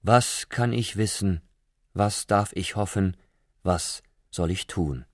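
A man's voice: sits low, slow, no echo, studio quality. A man voicing a shy, polite male slug with a beer belly in a storybook reading, hesitant and meek. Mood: pondering.

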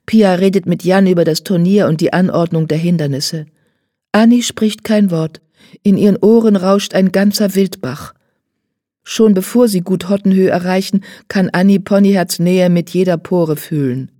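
A woman narrating a children's audiobook in a clear storytelling manner. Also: fairly low pitch, moderate pace, dark tone, dry recording, clean studio sound.

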